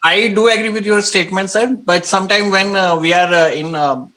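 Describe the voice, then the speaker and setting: A man speaks on a webinar video call, polite and hesitant, with many fillers. His voice sits high for a man. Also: a little fast, pushed and bright. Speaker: webinar participant.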